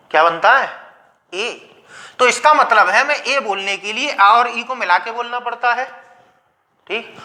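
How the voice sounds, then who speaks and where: A man teaching a Hindi grammar lesson on video. He explains slowly and patiently, repeats key points, and asks the class questions that he then answers himself. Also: high-pitched, sharp tone. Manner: slow, patient explaining with repetition. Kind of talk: video lecture.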